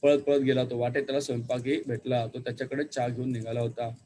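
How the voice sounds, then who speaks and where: A male teacher tells a story to his pupils at an easy middle pitch, pausing to ask them questions. A faint hiss sits under his voice. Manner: animated storytelling with asides to pupils. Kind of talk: reading a story aloud to students.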